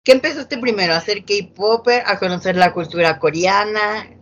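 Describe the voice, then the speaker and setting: A woman's voice: mid-range voice, normal speed, highs cut off. Chatty woman hosting an interview. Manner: chatty, warm filler-laden questioning. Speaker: host.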